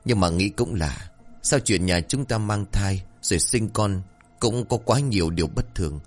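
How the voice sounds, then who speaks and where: Anxious middle-aged village mother in a storybook tale, pleading and fretful, low-set voice as a male narrator reads her, faint music behind. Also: moderate pace, natural voice. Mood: troubled. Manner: pleading, worried questioning.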